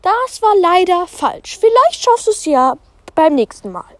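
Strict, singsong teacher lady, put on by a woman narrator, raised high, slow, bossy. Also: big pitch swings, a bit bright, no echo, heavily acted. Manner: bossy, singsong classroom commands. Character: strict, cheerful female schoolteacher. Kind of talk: amateur fan audio drama.

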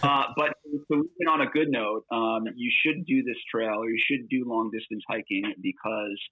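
On a remote call for a podcast, a man who is a long-distance hiker answers interview questions in a steady, mid-range voice at a moderate pace with a breathy edge. He sounds earnest and uses many fillers, and the recording is a dry, tinny phone line.

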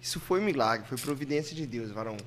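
A man hosts a podcast in a relaxed interview style, speaking in an average middle pitch. He nudges his guest along and reacts with quick, short exclamations. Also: a little hiss or hum. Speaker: podcast host. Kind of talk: casual interview chat.

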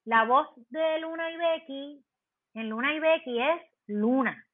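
Woman, Puerto Rican accent, podcast guest, animated explaining, higher voice, dry tinny phone-like sound. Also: measured pace, no room sound. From Puerto Rico. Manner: animated, explanatory, many fillers. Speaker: actress guest. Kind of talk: podcast interview chat.

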